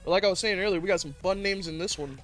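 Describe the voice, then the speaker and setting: Man, esports tournament host, higher voice, laughs a lot, lively, faint music behind. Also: very fast. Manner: laughs often, animated jumps in pitch. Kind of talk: casual esports commentary.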